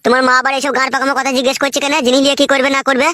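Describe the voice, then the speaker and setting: A woman playing a rough young village husband in a comic skit, swearing and talking crudely. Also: high voice, little pitch movement, rapid-fire, pushed and bright, no room sound, clean studio sound. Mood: bossy.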